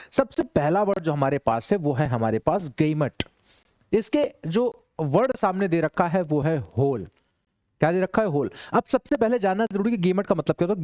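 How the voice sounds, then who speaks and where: A man lectures a classroom on English exam questions, slangy and teasing. His voice sits a little high for a man. The sound is close and dry, with no room ring. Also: darkish tone, no echo. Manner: chatty, joking, rhetorical questions to students. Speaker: English teacher. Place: classroom with students.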